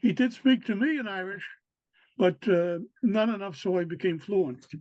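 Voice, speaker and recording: An older man from New York City, a local historian with a high, slightly mellow voice, is interviewed casually on tape. He speaks haltingly with many fillers and restarts, and the dry, dull, lo-fi recording has no echo.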